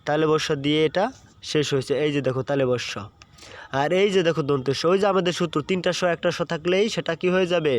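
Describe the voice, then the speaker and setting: A man's voice: a little high, quick pace. A man teaching an admission-prep lesson, patient and repeating key points while checking understanding. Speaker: admission tutor. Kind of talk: online exam-prep lesson.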